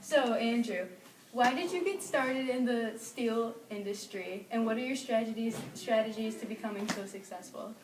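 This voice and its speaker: A woman's voice: a little high, moderate pace, noisy background, natural voice. A woman playing the host of an amateur parody show, presenting and questioning in a presenterly way. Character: female myth-testing show host and news anchor. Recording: echoey distant room recording under loud music.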